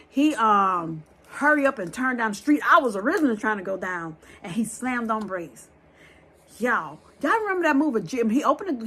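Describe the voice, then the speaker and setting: A woman telling a scary true story to her viewers in a lively, blunt way, talking straight to them and swearing freely. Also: on the high side, slightly rough.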